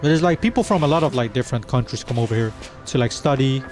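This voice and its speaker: A man's voice: medium pitch, fast talker, darkish tone, faint music behind. A Dutch man streaming a game live, chatting casually with his viewers and laughing between lines. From Netherlands. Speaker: livestreamer. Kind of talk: casual chat while gaming live.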